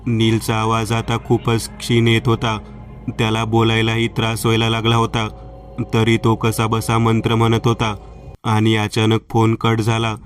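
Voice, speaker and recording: A man narrating a horror story and reading the dialogue of two friends in a steady storytelling manner. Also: on the low side, recorded from a distance.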